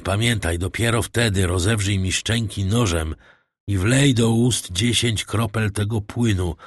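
A man voicing a gravely ill old priest, a prisoner, in a husky, low, strained and pleading voice for an audiobook. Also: dry recording, clean studio sound. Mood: faltering, grave. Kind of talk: audiobook character voice.

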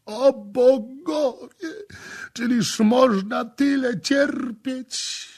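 A man's voice: extremely high pitch, very slow, a little mellow, breathy edge, pitched above the performer's own voice, full character voice. A man voicing a tormented male prisoner who screams and wails from an underground pit. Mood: agonized. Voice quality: raised strained cries. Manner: wailing, crying out in agony.

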